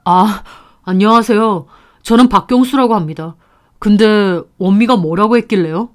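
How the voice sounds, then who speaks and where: A woman voicing a polite young man, her voice lowered a little from her own. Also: moderate pace, natural voice.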